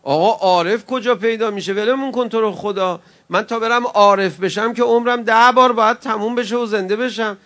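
A man with a notably high voice preaches an emotional religious sermon. He moves from soaring, impassioned cries down to hushed, close words for his listeners. His tone toward the crowd is friendly and familiar. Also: few pauses. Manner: swings between loud impassioned cries and soft, intimate address to the audience; chummy, calls listeners friends. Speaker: preacher at a mourning gathering.

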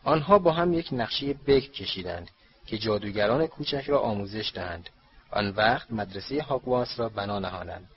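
A man's voice: lowish voice, animated, a little hiss or hum, lightly acted. A man voicing an old magical talking hat as it recites its song in a storybook reading, on a dull lo-fi recording. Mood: proud recital.

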